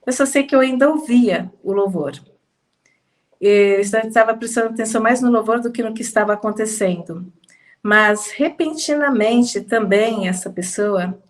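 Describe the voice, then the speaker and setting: A woman with a Brazilian Portuguese accent telling a personal testimony in a slow, emphatic conversational way, slightly congested. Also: mid-range voice. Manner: slow, emphatic, with pauses and soft laughs. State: slightly congested, fighting sneezes. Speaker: testimony speaker.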